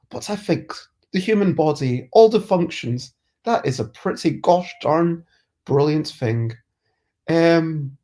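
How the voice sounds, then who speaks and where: With a warm, medium-pitched voice, a congested streamer hosts a chat show full of casual, rambling musings. Viewer comments get read aloud along the way, and the speaker stays relaxed, often cutting in on themselves.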